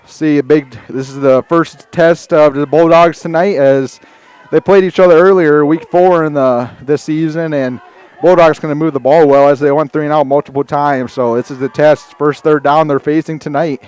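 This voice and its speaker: Casting: male local sports announcer, out of breath, crisp slightly high voice, live play-by-play. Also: steady tone, moderate pace, darkish tone. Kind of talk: live high school football commentary.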